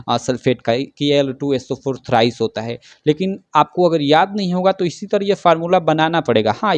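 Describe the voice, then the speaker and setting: This slightly high, somewhat mellow male voice comes through with no room sound. He's giving a science lesson at a whiteboard, walking through it step by step, asking his own questions and then answering them, with frequent fillers such as "theek hai."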